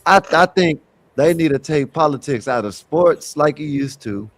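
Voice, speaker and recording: A man's voice: a little high, animated, normal speed, no echo. A man on a casual panel giving his opinion in a laid-back way, often adding rhetorical asides.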